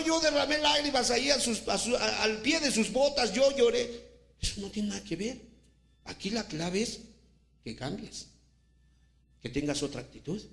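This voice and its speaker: A man with a Mexican Spanish accent preaching a sermon as pastor, full of rhetorical questions, swinging between loud and hushed. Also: high-pitched, vocal fry. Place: church hall.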